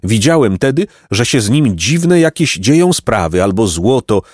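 A man's voice: mid-range voice, very animated, normal speed, darkish tone, no room sound, clean studio sound, lightly acted. A man voicing a tormented old man of gold in an audiobook, speaking in exclaiming, sighing tones and a heated near-whisper. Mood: grave. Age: older. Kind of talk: audiobook character reading.

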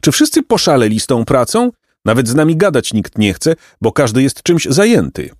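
A man's voice: medium pitch, big pitch swings, normal speed, darkish tone, no echo, clean studio sound, pitched above the performer's own voice, natural voice. A man voicing a grumpy, work-shy young boy who talks in an irritated, complaining way.

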